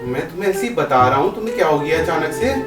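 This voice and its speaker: A man's voice: fairly high pitch, lively intonation, fast, reverberant, loud music behind the voice. A man arguing with his wife at home, repeatedly demanding to know what went wrong. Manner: argumentative, keeps asking what happened. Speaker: husband in a staged prank. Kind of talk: casual domestic argument.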